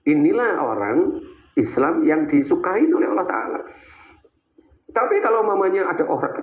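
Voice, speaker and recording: Animated male preacher, echoey room. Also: fairly high pitch, moderate pace, highs cut off. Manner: animated, teasing, rhetorical questions. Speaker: Islamic preacher. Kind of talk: religious talk with questions.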